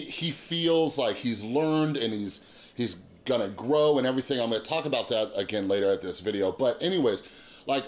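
A man in his thirties hosting a YouTube channel, giving casual, earnest opinion commentary and often checking that listeners agree. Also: medium pitch. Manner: earnest, emphatic, seeks agreement with frequent rhetorical tags. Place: small indoor room with monitors.

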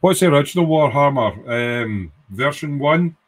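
His voice is a little high and husky, with lively intonation and a moderate pace. The speaker is a Scottish man in his sixties, a hobbyist hosting a casual, rambling livestream from a small home workshop room.

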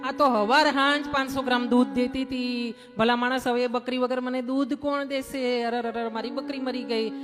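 A woman's voice: on the high side, a little fast, lightly acted. A woman voicing an old wandering holy man who preaches in a sing-song way during a devotional story. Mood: wailing. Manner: sing-song preaching, then wailing and lamenting. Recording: long hall reverb with music.

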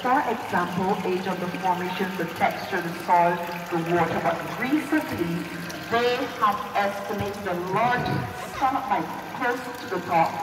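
A woman guiding a cave tour, explaining slowly and carefully and repeating key words. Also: mid-range voice, background noise. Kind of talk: guided tour commentary. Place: large limestone cave on a tram tour. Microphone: visitor's phone camera, away from the speaker. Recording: echoey cave from far off.

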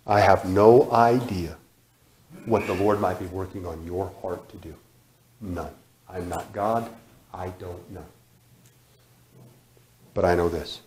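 A man in his thirties preaching a sermon in a church sanctuary, repeating phrases with emphasis and sudden drops to a hush. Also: low-pitched, steady tone, takes it slowly, long pauses, slight background noise. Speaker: guest preacher. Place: church sanctuary, large indoor room. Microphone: far camera, room mic. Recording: echoey church hall.

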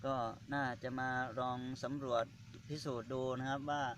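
A male Buddhist monk speaks in a casual, halting way. He often pauses to find his words and ends nearly every phrase with a polite particle. His pitch sits in the ordinary middle, and faint ambient noise from outdoors by a pond lies under his voice. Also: level tone, fairly bright tone. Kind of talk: casual on-site video commentary. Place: outdoors beside a pond or pit.

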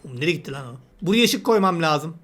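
Bright, high-voiced gaming commentator. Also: male voice, animated, fast. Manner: chatty, teasing, talks to game characters. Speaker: gameplay commentator. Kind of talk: casual let's-play commentary.

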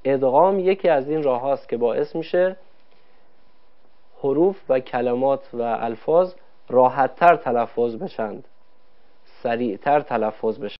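A man's voice: medium pitch, long pauses. A man teaching Quran recitation rules in a formal televised lesson, polite and explaining step by step with questions to viewers. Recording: dull lo-fi broadcast audio.

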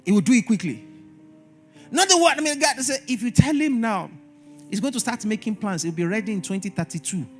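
A man delivering an animated church sermon in a very high voice that swings widely up and down. He drives his points home by repeating short exhortations and acting out little dialogues. Faint music sits under him. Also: fairly quick. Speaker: pastor. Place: church service.

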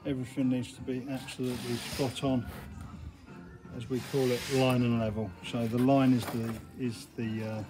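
A man's voice: mid-range voice, flat delivery, moderate pace, over music, rough recording. A middle-aged man, a construction site manager, giving a practical guided walk-through of a building site, recorded on a handheld phone camera outdoors. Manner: practical, explanatory, often says "obviously". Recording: loud outdoor site noise. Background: outdoor noise and vehicles.

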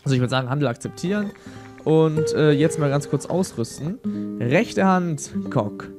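A man's voice: on the high side, animated, normal speed. A young man giving casual gameplay commentary, thinking aloud in a slangy, rambling way. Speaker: let's player. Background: game music.

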